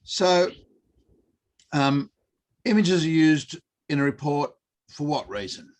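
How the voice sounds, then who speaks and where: A man's voice: fairly high pitch, takes it slowly. Aussie guy running an online workshop, middle-aged, lots of ums, easygoing and kinda hesitant, video call sound. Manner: relaxed, hesitant, many fillers. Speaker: workshop presenter. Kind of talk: online teaching session.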